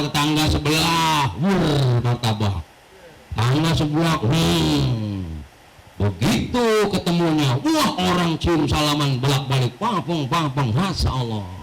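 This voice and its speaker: High-voiced preacher, slow and animated. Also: male voice, slight background noise, low-quality recording. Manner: animated storytelling with jokes and Arabic quotations. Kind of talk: mosque study-circle sermon. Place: mosque hall.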